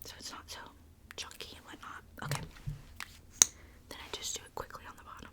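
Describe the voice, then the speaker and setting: A young woman whispering casually through an ASMR makeup routine, chatty and filled with little likes and asides, close to a handheld camera mic. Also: brisk. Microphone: close camera mic, handheld filming.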